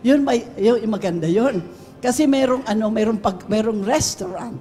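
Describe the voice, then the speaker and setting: A woman giving a lively, laughing testimony in a church service, mixing English into her Tagalog. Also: fairly high pitch, moderate pace, soft background music. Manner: animated storyteller, laughs often, mixes English into Tagalog. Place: church sanctuary. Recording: long reverb of a church hall.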